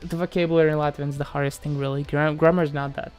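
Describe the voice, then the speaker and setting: A Moldovan live streamer races through answers to viewers' questions over soft background music. His voice is on the high side and darkish, with little pitch movement. He chats casually but hesitantly, repeating himself often and trailing off.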